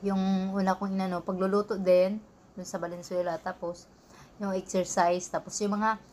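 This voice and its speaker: A woman talks casually to her viewers with her mouth full while she eats, at a medium pitch. Her words run together in a relaxed, chatty way. A faint hum sits behind her voice. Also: moderate pace. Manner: chatty, addresses viewers as guys. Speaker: vlogger. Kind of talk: casual mukbang chat.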